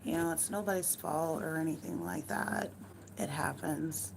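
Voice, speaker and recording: A hoarse woman with a worn-out voice chatting casually to her live-stream viewers from home, rambling loosely and swearing now and then. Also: deep voice, fairly even intonation, a little slow, background noise.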